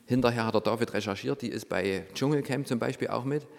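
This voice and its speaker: A man's voice: mid-range voice, fast talker, creaky, long reverb tail. A middle-aged man, from Saxony, telling a personal story and acting out the dialogue in it. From Saxony, Germany. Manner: lively storyteller who acts out quoted dialogue, dropping to a hushed voice. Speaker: former reality show participant.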